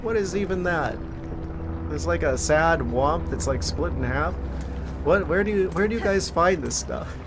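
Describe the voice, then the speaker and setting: A man giving casual, wry gameplay commentary as a streamer, thinking out loud. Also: fairly high pitch, expressive, a little slow, noisy background. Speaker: game streamer.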